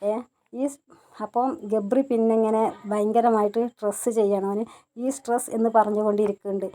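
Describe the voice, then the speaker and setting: A woman's voice: mid-range voice, steady tone, brisk, mellow. A woman vlogger casually recapping reality show scenes, quoting the cast's lines in her own plain voice. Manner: retells scenes plainly, quoting lines without acting them. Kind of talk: casual spoken recap narration.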